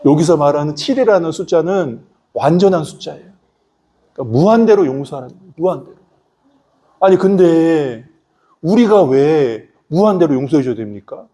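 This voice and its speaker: A male pastor preaching a sermon in an animated way, constantly asking the congregation questions. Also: a little high, normal speed.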